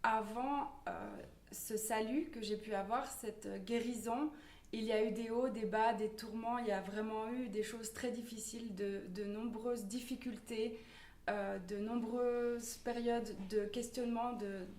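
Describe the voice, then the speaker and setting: A woman's voice: a little high, fairly even intonation, unhurried, a little mellow. A woman from Normandy giving a personal testimony in church, hesitant with many fillers and restarts. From Normandy, France. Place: church hall. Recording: echoey room from far off.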